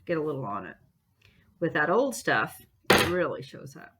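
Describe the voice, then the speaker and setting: Heavy background noise surrounds a woman whose low voice has a sing-song quality at a moderate pace. She's an art teacher running a bookbinding class, encouraging and chatty as she explains each step, humming and singing as she works.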